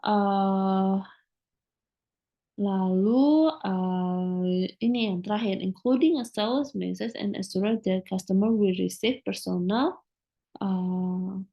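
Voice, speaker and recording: A woman teacher giving a recorded lecture, explaining slowly with many filler sounds and reading English phrases aloud before translating them. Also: mid-range voice, mellow, dull audio.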